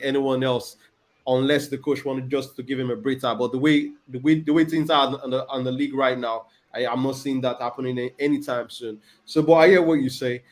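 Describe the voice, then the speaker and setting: A man hosting a casual football chat, rambling and repeating words with many pauses. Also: mid-range voice. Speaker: podcast host.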